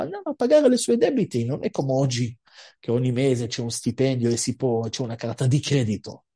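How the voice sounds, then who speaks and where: A woman teaching through a storytelling sermon, lively, with frequent asides to her listeners. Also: sits low. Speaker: religious teacher.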